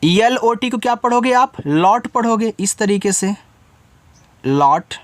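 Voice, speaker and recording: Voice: medium pitch, moderate pace, no room sound. A teacher giving a step-by-step spelling lesson, spelling each word out letter by letter and then explaining it directly to the learner in an informal way. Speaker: English teacher.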